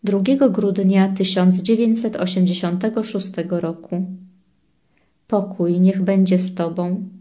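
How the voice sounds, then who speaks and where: A woman reading devotional messages aloud in a solemn, measured way. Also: mid-range voice, steady tone, warm tone.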